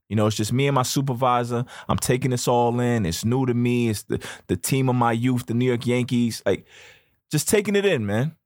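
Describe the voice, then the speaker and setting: A young man hosting a podcast, telling a story in a casual, slangy, animated way. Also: mid-range voice, no room sound, clean studio sound. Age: young adult. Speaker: podcast host.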